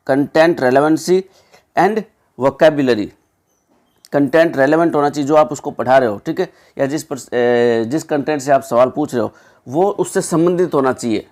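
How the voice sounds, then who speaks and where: A young man working through exam questions as a teacher, chatty, often checking in with listeners, reading options slowly before explaining them. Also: a little high, a little mellow. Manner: conversational, repeats "ठीक है" and "दोस्तों"; reads English options slowly, then explains.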